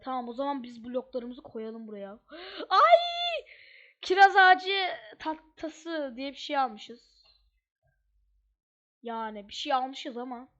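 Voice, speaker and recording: A woman giving casual, chatty gameplay commentary as she plays, thinking aloud with slangy asides. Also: high-pitched. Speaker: gamer. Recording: dull lo-fi mic.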